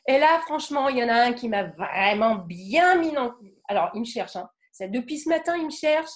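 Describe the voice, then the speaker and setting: A French woman leads a voice lesson in a lively lecturing style. Her voice sits high and roams widely up and down as she acts out emotions with sudden bursts. She keeps turning to her listeners to check they follow. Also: normal speed. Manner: checks in often with "d'accord?". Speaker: voice teacher giving a talk. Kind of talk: lively spoken lecture with demonstrations.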